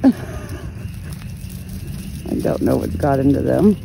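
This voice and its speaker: Low, gravelly woman filming her goats. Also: lively intonation, takes it slowly. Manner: chatty, laughing, coos at animals in a higher voice. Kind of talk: casual phone vlog narration. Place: outdoors in a farm pasture at sunset. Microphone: phone held while filming. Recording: outdoor phone audio with background noise. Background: goats and outdoor ambience.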